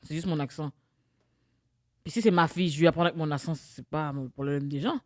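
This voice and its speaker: Fast-talking Québécois woman co-host. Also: sits low, no room sound, studio quality. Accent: Québécois French. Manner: emphatic, animated storytelling with bursts of loud laughter. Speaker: podcast co-host. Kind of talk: casual chat.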